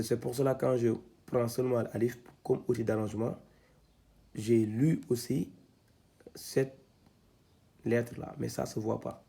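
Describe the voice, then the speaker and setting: A man teaching Quran reading, spelling out syllables one by one, halting and repeating himself with many fillers. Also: medium pitch, vocal fry, warm tone, slightly rough. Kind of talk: step-by-step lesson, spelling out syllables.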